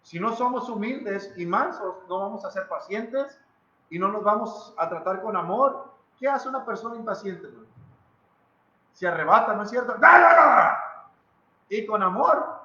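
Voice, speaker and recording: A pastor with a Mexican Spanish accent gives a dramatic, emphatic sermon in a church hall, repeating phrases and questioning the congregation. His high-pitched voice has a sharp tone and moves at a moderate pace. The lo-fi recording has a roomy sound.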